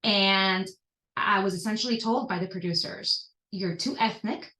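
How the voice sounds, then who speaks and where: A woman's voice: mid-range voice, measured pace, pushed and bright, reverberant, distant mic, rough recording. A woman in her thirties from Venezuela with a Venezuelan Spanish accent, telling her personal story earnestly as a podcast guest. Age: 30s.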